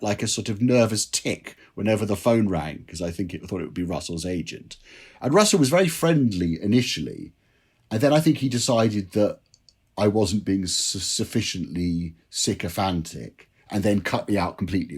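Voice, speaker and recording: A man's voice: fairly low pitch, breathy edge. A man, a drinks writer, telling self-deprecating anecdotes as a guest in an interview. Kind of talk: interview storytelling.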